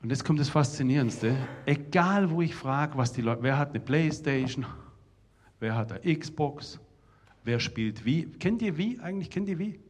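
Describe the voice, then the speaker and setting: Husky man telling lively stories. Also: a little high, normal speed. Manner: animated, shouts out remembered dialogue. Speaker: speaker addressing an audience of young people and parents. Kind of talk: lively storytelling talk.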